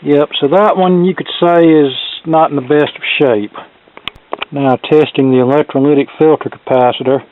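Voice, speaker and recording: With a fairly high pitch, steady tone and normal speed, a middle-aged man presents a video of a hands-on repair in his workshop, talking casually with folksy, plainspoken phrases. He's a hobbyist electronics repairman, and the sound is close, dry, narrow and tinny, phone-like.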